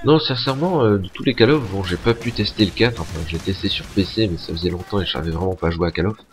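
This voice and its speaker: Low-voiced young man rambling over gameplay. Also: quick pace. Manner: casual, rambling, swears often. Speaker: gaming YouTuber. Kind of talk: gameplay commentary.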